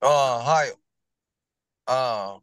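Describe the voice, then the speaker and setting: A man's voice: medium pitch, very slow, fairly bright tone, clean tone, no room sound, studio quality. A man taking part in a language class as a student, chatting casually and telling stories with some restarts. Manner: chatty, tells anecdotes with restarts.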